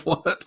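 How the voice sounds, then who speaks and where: A man's voice: on the high side, breathy edge. A man co-hosting a casual sports betting show, reading viewer comments aloud and laughing often. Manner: chuckling, reads out viewer comments in a lively way. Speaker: co-host reading picks and chat comments.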